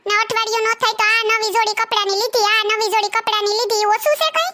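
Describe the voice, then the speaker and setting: A man's voice: extremely high pitch, steady tone, fast, bright, forceful tone, slight background noise, full character voice. A man playing a stingy young husband who grumbles and makes defensive excuses, speaking. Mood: grumbling.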